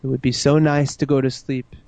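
Slow soothing male hypnotist. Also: mid-range voice, level tone, mellow, no room sound. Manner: slow, soothing, repetitive suggestions. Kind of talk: guided hypnosis induction.

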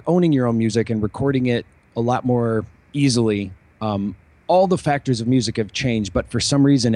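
A man's voice: medium pitch, a little mellow, no room sound. A man talking casually as a musician and podcast host, rambling with many fillers and restarts. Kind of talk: casual chat.

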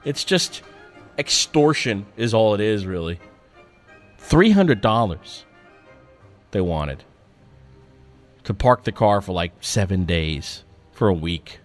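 A man telling a personal story as a monologue, in an animated, profane and self-mocking way. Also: fairly low pitch, slow pace, pauses often, soft background music.

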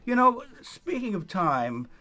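A man hosting a radio fundraiser with casual banter, speaking in a halting, repetitive, pleading way. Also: high-pitched, big pitch swings, pushed and bright. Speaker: radio show host.

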